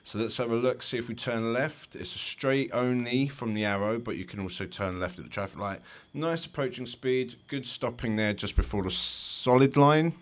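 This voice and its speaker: A man's voice: mid-range voice, normal speed. A man with a London accent, a driving instructor giving chatty, explanatory commentary over driving test footage with light jokes.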